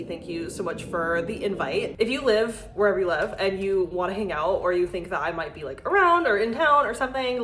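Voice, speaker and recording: A young adult American woman hosts a video, reading listener messages and chatting casually to camera while peppering her talk with "like". Her medium-pitched voice is a bit bright, and the room is echoey.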